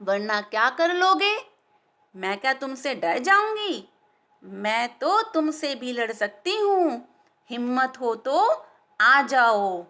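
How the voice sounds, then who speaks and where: A woman's voice: on the high side, expressive, takes it slowly. A woman voicing a proud, boastful little female fly in a children's story, talking with a taunting, cocky manner. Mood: defiant.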